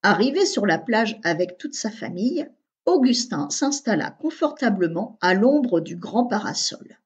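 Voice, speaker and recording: Husky woman reading a children's story. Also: medium pitch, unhurried. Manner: expressive, animated reading. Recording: dull lo-fi recording.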